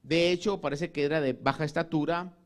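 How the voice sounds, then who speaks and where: A man preaching a sermon as pastor. He often addresses his listeners as "hermano" and slows down to stress key words. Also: fairly high pitch, fairly even intonation.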